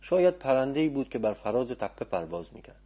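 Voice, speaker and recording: A man narrates a story for an audiobook, calm and measured. His voice is mellow and warm with a husky edge. His pitch sits in a typical middle range.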